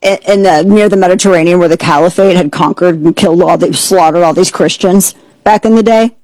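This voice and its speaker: A woman's voice: lowish voice, darkish tone, no echo, poor audio. Sarcastic woman host, dry close sound. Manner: sarcastic, mocking, rapid asides. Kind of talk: opinionated political commentary.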